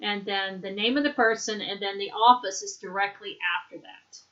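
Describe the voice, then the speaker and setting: A woman teaching English, leading a slow repeat-after-me drill and patiently explaining words and pronunciation. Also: mid-range voice, fairly even intonation, sharp tone, lo-fi sound.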